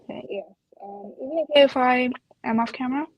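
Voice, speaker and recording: A woman calls in to a talk show, her fairly high, husky voice coming through in halting bits. Her audio keeps dropping in and out, so the volume swings from loud to nearly gone. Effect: audio dropping in and out, uneven volume. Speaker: caller. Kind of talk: casual call-in chat.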